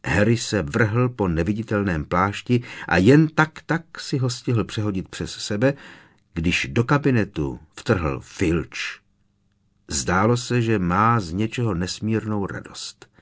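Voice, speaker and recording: Deep-voiced male audiobook narrator. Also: animated.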